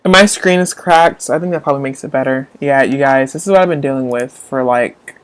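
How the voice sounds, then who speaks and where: A man's voice: mid-range voice, brisk, clear, resonant tone. A young man hosting a casual live stream, chatting with viewers while getting frustrated with his tablet and phone. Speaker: livestream host.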